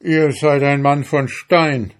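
Greedy fairy-tale miller, eager haggler, loud offers, read by a man. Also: on the low side, animated, takes it slowly, exaggerated voice.

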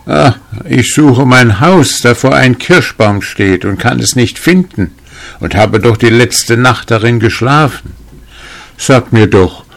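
A man's voice: low-pitched, animated, slow. A man doing a bewildered old farmer. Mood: pleading. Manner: puzzled, earnest pleading. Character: simple, bewildered old farmer, trusting and confused.

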